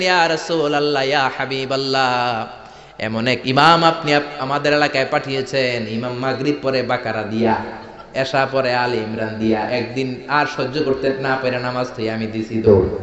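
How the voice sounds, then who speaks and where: Rousing preacher in an echoey hall. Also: male voice, on the high side, sharp tone. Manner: rousing, calls on the crowd to answer aloud; colloquial, humorous storytelling. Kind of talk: Bengali waz sermon to a crowd. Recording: roomy hall echo, dull lo-fi sound.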